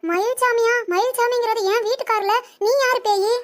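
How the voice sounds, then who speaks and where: A woman voicing a sharp-tongued, boastful old grandmother in a cartoon, scolding and loud, shrieking when scared. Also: very high voice, fairly even intonation, normal speed. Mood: frightened. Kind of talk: cartoon voice acting.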